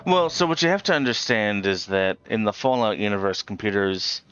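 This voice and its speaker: A man's voice: on the low side, a little fast, fairly bright tone, clean tone, muffled recording. A man explaining a game to a friend in casual chat, patient and hesitant with many ums, tired after waking very early. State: tired, awake since early morning. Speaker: co-host guiding a friend's game. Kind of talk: casual let's play chat.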